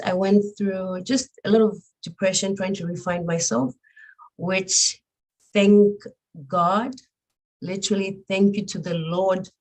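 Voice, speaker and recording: A woman in her forties from Zambia, a guest speaking earnestly and reflectively about her life, pausing often with fillers. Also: fairly low pitch, darkish tone, rough recording. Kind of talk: personal testimony interview.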